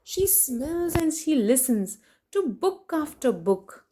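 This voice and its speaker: Against a noisy background, a woman with a high voice reads a children's storybook slowly and expressively. She's animated and pauses to ask the young listeners questions directly.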